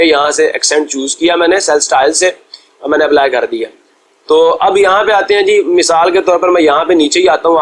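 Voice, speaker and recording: A man teaching a software tutorial, patient and step-by-step, addressing students politely and drifting into chatty asides. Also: on the high side, poor audio. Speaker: computer course teacher. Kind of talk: screen-recorded software tutorial.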